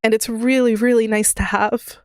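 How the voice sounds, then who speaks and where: A woman's voice: fairly high pitch, flat delivery, normal speed, darkish tone, clean tone, no echo, clean studio sound. A woman livestreamer talking casually to her viewers, rambling with many fillers and restarts into a desk microphone at home. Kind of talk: casual live-stream chat.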